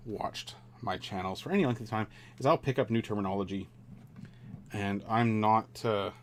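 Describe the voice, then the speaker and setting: Low-voiced man chatting on a stream. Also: a little hiss or hum. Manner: rambling, relaxed, many fillers and restarts. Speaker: streamer building a model kit. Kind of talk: casual live-stream chat.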